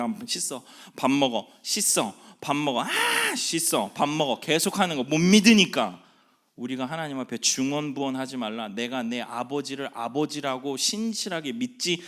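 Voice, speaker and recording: A middle-aged man preaching to a congregation, his pitch sitting in an ordinary middle range. He keeps firing pointed rhetorical questions at the room, then drops his voice low and near-whispering. Now and then he slips into quick, sharp voices to play nagging parents and scoffing outsiders. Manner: animated preaching, swinging between loud emphatic questions and low quiet asides; acts out quoted voices of nagging mothers and worldly voices. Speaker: pastor. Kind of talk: sermon. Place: church worship hall.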